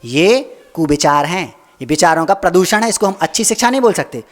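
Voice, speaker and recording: High-voiced preaching monk in a reverberant hall. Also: male voice, expressive, brisk. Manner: storytelling, asks rhetorical questions and acts out quoted voices. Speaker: Jain monk. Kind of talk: sermon.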